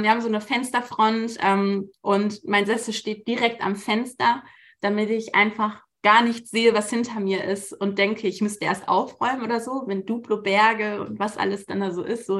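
Relaxed colloquial woman giving a devotional talk. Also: on the high side. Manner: colloquial, relaxed, frequent "ähm" fillers. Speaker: church speaker.

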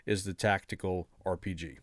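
A man chats eagerly about games as a podcast co-host, now and then stumbling over names. His voice sits a bit low, recorded dry and close. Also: steady tone, moderate pace, no room sound. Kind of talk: casual chat.

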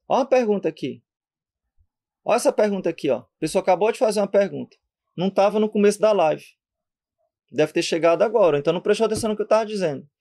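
Emphatic Brazilian priest preaching live. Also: male voice, sits high, a little mellow. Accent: Brazilian Portuguese. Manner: emphatic, full of rhetorical questions, speeds up and slows down for effect.

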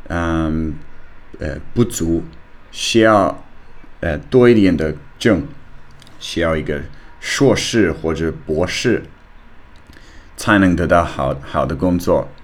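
An Australian man with a deep voice speaks slow, non-native Mandarin in a casual personal monologue for his podcast. He is halting, searching for words and using simple learner phrasing, with a foreign accent.

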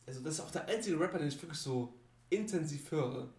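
A man's voice: on the high side, expressive, fast, a little mellow. A young man co-hosting a podcast in casual, slangy chat, talking bluntly and laughing often. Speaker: podcast co-host. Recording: roomy, distant from the mic.

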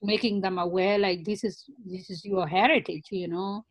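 Interview guest, woman, mid-pitched and reflective. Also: steady tone, moderate pace, no echo. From Africa. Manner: earnest, reflective, many "you know" fillers. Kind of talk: conversational interview.

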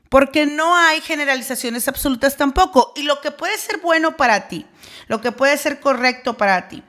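A woman's voice: sits high, a bit bright. A woman coach giving a motivational talk, emphatic and full of rhetorical questions.

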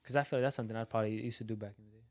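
A man's voice: on the low side, fairly even intonation, racing, a little mellow. A young man co-hosting a podcast, chatting in a laid-back way and asking the guest questions. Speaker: podcast co-host. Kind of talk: casual podcast chat.

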